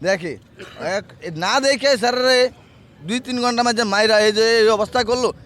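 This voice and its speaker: Man, high voice, agitated, halting speech, street protest talk, outdoors. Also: a bit bright. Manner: halting, agitated, restarts sentences.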